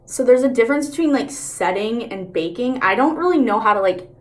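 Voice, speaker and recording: A woman's voice: fairly high pitch, lively intonation, brisk. Woman talking out of the mouth's corner. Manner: talks out of the side of the mouth; candid, slangy and sweary, with many filler "like"s. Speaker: makeup tutorial vlogger. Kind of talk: casual makeup tutorial chat.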